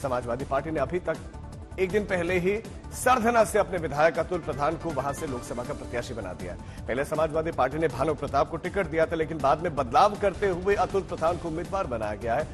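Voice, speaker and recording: A man's voice: on the high side, expressive, brisk. A man working as a news anchor, reading a scripted bulletin. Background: music bed.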